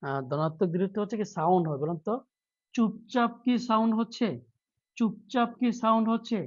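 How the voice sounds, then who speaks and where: A male teacher with a high, expressive voice speaks fairly quickly on lo-fi audio during a live online class. Playfully, he acts out a mock plea before teaching, then quizzes his students by repeating questions and pressing them to answer.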